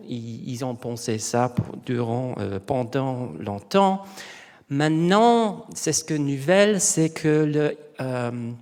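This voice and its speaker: In a long-reverberating hall, a middle-aged English native speaker presents an informal conference talk in French with a noticeable English accent. He stumbles at times while searching for words. His voice is mid-range with a darkish tone.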